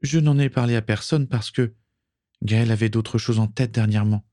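A man voicing a gentle, stubborn young Japanese woman in a read-aloud story, speaking softly and shyly. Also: on the low side, fairly even intonation, normal speed, no room sound, clean studio sound, pitched above the performer's own voice, natural voice. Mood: quiet, stubborn.

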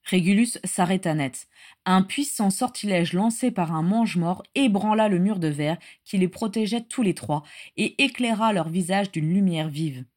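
A woman reading a story aloud in steady narration. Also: mid-range voice, moderate pace. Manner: steady narration with acted dialogue. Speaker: story reader. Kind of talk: reading fan fiction aloud.

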